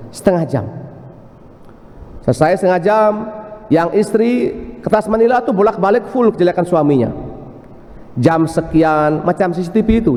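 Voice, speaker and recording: Male priest, high voice, storytelling sermon that acts out its characters, church hall reverb. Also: dark tone.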